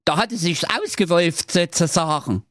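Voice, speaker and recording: A man's voice: animated, moderate pace, fairly bright tone, no echo, clean studio sound. A man voicing the smallest of seven little goat kids, a cheeky, foul-mouthed youngster blurting out a wild confession in a comic tale. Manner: squeaky, brash, rattling off a wild confession. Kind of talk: comic storytelling.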